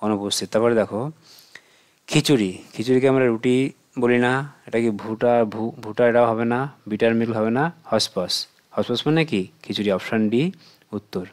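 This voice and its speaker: A man with a Bengali accent walks children through test questions in a mid-range voice. He poses each question, pauses, then patiently supplies the answer himself. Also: mid-range voice. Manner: patient, asks and answers his own questions. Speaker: teacher. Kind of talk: exam question walkthrough for children.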